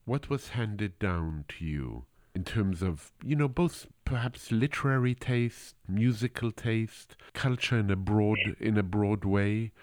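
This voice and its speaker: A man's voice: lowish voice, expressive, a little slow, few pauses, darkish tone, no echo. A man hosting an interview, curious and wry, restarting his sentences often with playful asides. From United States. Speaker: interviewer, podcast host. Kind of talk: interview conversation.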